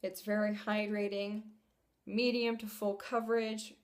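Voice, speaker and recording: A young woman talks through her makeup purchases in a relaxed, chatty way. She sounds enthusiastic and easygoing, with a mid-range voice. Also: mid-range voice, a little slow. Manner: chatty and enthusiastic, laughs at herself. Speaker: beauty vlogger. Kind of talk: casual product haul review.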